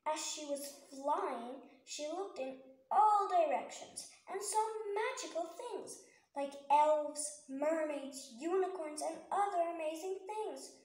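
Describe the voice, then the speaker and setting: High-voiced woman reading a children's story. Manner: enthusiastic, adds asides. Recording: echoey room.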